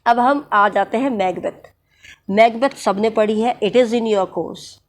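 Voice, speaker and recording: Patient woman teacher, higher voice. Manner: explains patiently, slows down to read English definitions. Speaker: English exam teacher. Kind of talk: explanatory lesson mixing Hindi and English.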